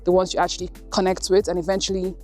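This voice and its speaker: A woman's voice: lowish voice, level tone, rapid-fire. A young woman from Nigeria, a student, giving frank, confident interview answers. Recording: soft music underneath.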